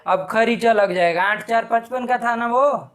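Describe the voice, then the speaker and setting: A man teaching Sanskrit grammar in a live class, quizzing his students briskly and scolding them sharply when they answer wrong. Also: very high-pitched, fairly bright tone.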